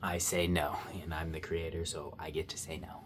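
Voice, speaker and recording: A man's voice: a bass voice, flat delivery, moderate pace, a little hiss or hum. A young man giving casual, rambling commentary while he draws, joking and poking fun at himself. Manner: rambling, self-mocking and goofy. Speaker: art vlogger.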